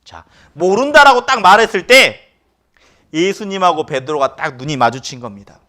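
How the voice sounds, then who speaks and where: Animated, high-voiced man preaching a sermon. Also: moderate pace. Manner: keeps asking the congregation rhetorical questions; acts out quoted lines with sudden loud outbursts. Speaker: pastor. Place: church.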